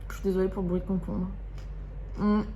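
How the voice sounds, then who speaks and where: A woman's voice: mid-range voice, flat delivery, a little fast, warm tone, a little hiss or hum. Irritated young woman vlogging at home. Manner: irritated, slangy, candid. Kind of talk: casual confessional vlog.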